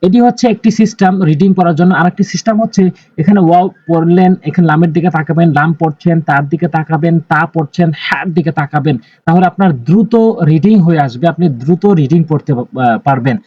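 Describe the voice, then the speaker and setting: A man teaching Quran recitation, slowly spelling out letters and drawing out the vowels, often repeating his instructions. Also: fairly high pitch, dry recording, lo-fi sound. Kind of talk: Quran reading lesson.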